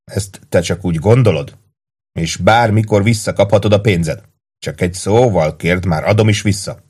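A man's voice: sits low, darkish tone, breathy edge. A man voicing a sulky, grumbling young soldier. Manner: grumbling, defensive. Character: sulky young male soldier, touchy and broke.

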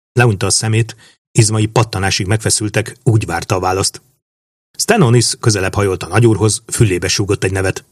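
Low-voiced male audiobook narrator. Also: dry recording, studio quality. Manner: steady, measured narration. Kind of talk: audiobook reading.

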